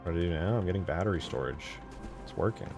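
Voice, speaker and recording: Music runs under the voice of a low-pitched, slightly mellow man who talks fast with lively intonation. A game modder hosting his channel, he thinks out loud and curses casually as he comments on his screen during mod work.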